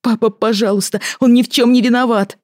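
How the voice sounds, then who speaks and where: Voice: mid-range voice, normal speed, husky, no echo, studio quality, voice pushed up. An audiobook reader voicing an anxious young woman pleading with her father, her voice raised.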